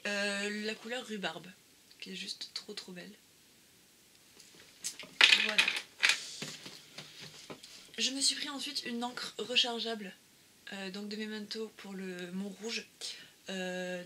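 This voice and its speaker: A woman talks casually about her craft purchases, pausing often with fillers and restarting her sentences. Her voice sits at an ordinary pitch, and clear background noise with occasional clicks runs under the recording. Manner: hesitant, many "euh" fillers and restarts. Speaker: craft vlogger. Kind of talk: casual haul video.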